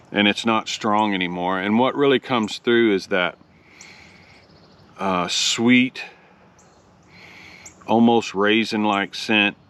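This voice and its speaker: A man from Oklahoma hosting a casual review, explaining things in a measured, deliberate way. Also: sits low, pushed and bright, clean tone. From Oklahoma, United States. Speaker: pipe tobacco review host.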